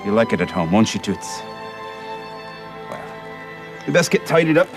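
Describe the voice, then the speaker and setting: An actor playing a gentle travelling showman, kindly and devoted to his performing animals, in a film drama. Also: lowish voice, very animated, normal speed, over music. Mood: gentle, fond. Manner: kindly, chatting to animals as companions.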